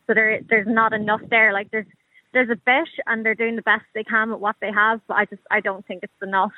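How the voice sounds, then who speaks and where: A woman's voice: a little high, level tone, fairly quick, no echo. A woman of about thirty with an Irish accent, giving a personal account as a radio interview guest in an informal, conversational way. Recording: dry, muffled narrow-band call.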